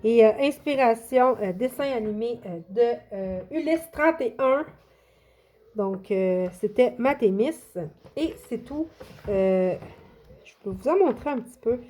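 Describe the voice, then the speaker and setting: A woman's voice: a little high, expressive, unhurried, mellow. A woman with a Québécois French accent chatting casually through a show-and-tell of her coloring books, hesitant, with many fillers and restarts. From Quebec. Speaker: coloring book YouTuber.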